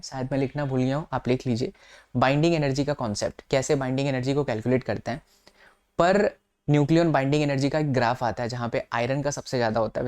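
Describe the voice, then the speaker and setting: A man's voice: medium pitch, darkish tone. A young man teaching physics exam revision, mixing terms and formulas into casual Hindi and coaxing his students along.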